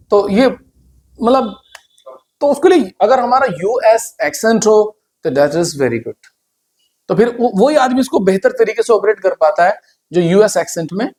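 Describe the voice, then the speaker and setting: Male teacher, high voice, chatty classroom lecture full of questions to students. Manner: conversational, asks the class questions. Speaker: computer hardware teacher.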